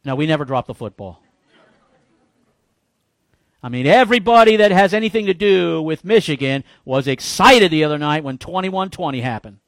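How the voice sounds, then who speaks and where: A man preaching a sermon in church, folksy and joking, with animated bursts when he quotes people. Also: a little high, moderate pace, dry recording, studio quality. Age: 50s. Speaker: pastor.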